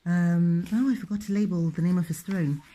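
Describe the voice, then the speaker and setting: Teaching her toddler words, a young mother keeps it playful with sing-song, encouraging questions and lots of repetition. She speaks briskly in a warm, fairly low voice, though the audio is poor with a little hiss or hum.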